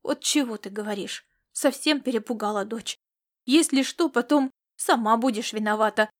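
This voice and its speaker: A woman's voice: a little high, moderate pace, close to an everyday voice. A woman voicing a brusque, teasing middle-aged husband. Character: gruff, jovial husband, teasing and down-to-earth. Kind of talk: audiobook character reading.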